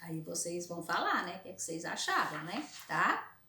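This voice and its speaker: Brazilian teacher, woman, a little hoarse, bright tone, echoey room, exaggerated pronunciation for kids. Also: lowish voice, a little hiss or hum. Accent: Brazilian Portuguese. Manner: slow, lively, exaggerated pronunciation, frequent "né?". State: slightly hoarse. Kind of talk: recorded remote lesson to children.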